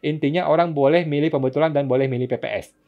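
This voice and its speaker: A man with a slightly high voice and fairly even intonation talks fast while hosting a casual live-stream Q&A as a tax consultant. He reads viewers' questions aloud and answers patiently, chuckling often. The audio is dull and lo-fi, picked up by a phone or laptop mic.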